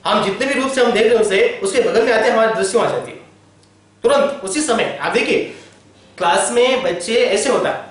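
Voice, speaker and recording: A man's voice: sits high, a little fast. A man teaching a college Hindi class online, telling a story at length and constantly checking in with his listeners. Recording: very echoey room, voice from far off.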